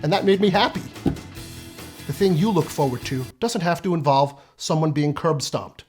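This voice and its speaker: A man in his fifties with a slightly husky, raised voice runs through a scripted comic monologue. His delivery is sardonic, profane and punchy, and faint music plays under him. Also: on the high side, normal speed, a little mellow. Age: 50s. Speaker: comedic essayist.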